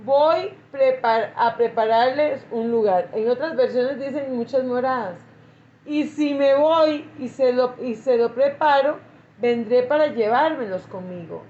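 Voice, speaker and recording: A woman pastor teaching a Bible class, reading scripture slowly and repeating phrases for emphasis. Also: sits high, mellow, slight background noise. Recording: echoey, muffled lo-fi recording.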